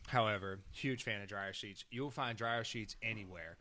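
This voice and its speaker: A man's voice: fairly low pitch, moderate pace, sharp tone. A man who is a guest on a podcast, talking casually and grumbling wryly. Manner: dry, wry complaining. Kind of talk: casual chat.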